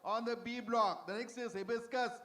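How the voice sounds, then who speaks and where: Indian man, very high voice, award announcer who trips over names. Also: steady tone, normal speed, fairly bright tone. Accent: Indian English. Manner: plain reading of names, stumbles on hard ones. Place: convention hall stage.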